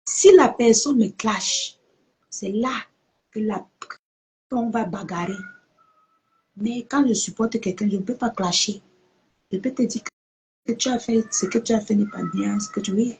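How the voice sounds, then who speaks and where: Combative woman, higher voice. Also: measured pace, long pauses, a little mellow, a little hiss or hum. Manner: confrontational, emphatic, repeats for effect. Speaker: social media personality. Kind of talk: live video rant to followers.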